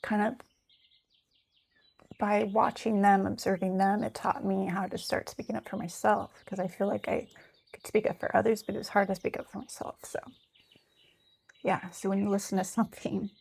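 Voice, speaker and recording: Gravelly, husky woman musing aloud. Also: medium pitch, flat delivery, moderate pace, long pauses, a little mellow. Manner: candid, rambling, swears freely; thinks aloud with many fillers. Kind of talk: casual spiritual monologue, reading notes aloud.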